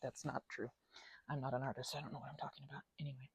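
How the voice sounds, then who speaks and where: Speaking very fast in a very deep, gravelly, breathy voice with little pitch movement and no room sound, an audio channel creator rambles freely as she finger paints. Her talk is playful, scattered and self-deprecating, veering into tangents and asides and sometimes hushing to a near whisper.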